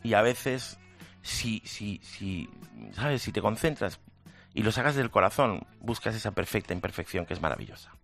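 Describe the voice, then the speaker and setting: A man's voice: fairly low pitch, lively intonation, moderate pace, gravelly, music in the background. A man, a guest painter telling an anecdote in an interview and laughing often as he talks.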